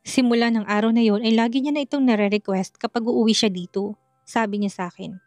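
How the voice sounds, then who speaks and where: A woman tells a scripted first-person story in an emotional, polite manner. Her voice is fairly high and dry, close to the mic, with faint music playing underneath. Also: fairly even intonation, fast, darkish tone, dry recording. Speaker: story narrator.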